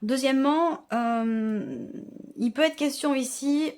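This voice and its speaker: With a fairly high, slightly mellow voice, a channel host works through a tarot reading at a slow pace. She chats informally with her audience, reasoning out loud and rewording often as she explains what each card means.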